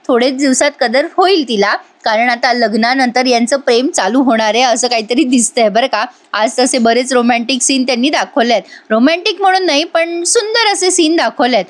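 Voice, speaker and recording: High-voiced woman chatting through a recap. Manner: lively, addresses viewers directly. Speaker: TV serial recap host.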